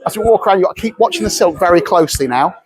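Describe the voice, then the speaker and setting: A man's voice: high voice, lively intonation, racing, crowd noise, rough recording. A man, a prop dealer, demonstrating magic tricks in a chatty, showman-like way. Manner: chatty, showman-like, hesitant fillers. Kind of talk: product demonstration.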